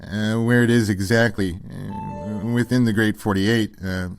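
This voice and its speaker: In a comedy sketch, a man plays a mild, pompously wordy pseudo-intellectual radio co-host, deadpan and very hesitant as he stammers through ponderous musings. His fairly low voice moves unhurriedly, with vocal fry and soft background music.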